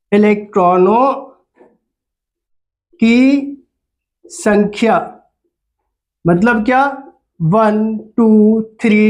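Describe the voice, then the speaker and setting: A man teaching a physics lesson, repeating key terms and quizzing his students with questions. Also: extremely high pitch. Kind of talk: classroom lecture.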